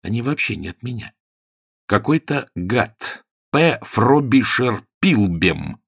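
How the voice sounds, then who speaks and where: A man voicing a hot-tempered, jealous young gentleman who blusters and sulks, in an audiobook. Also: medium pitch, sing-song, slow, vocal fry, husky, no room sound, clean studio sound, exaggerated voice. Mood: curt. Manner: blustering, sulky.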